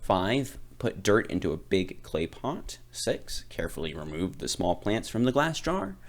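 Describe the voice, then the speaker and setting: A low-pitched man reads aloud from a children's picture book, shaping his phrasing deliberately and stressing words expressively.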